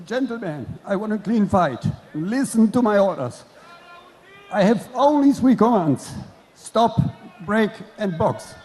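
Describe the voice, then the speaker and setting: A man's voice: high-pitched, very animated, a little slow, a little mellow. A man refereeing boxing, giving pre-fight instructions in short, commanding phrases. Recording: echoing hall microphone.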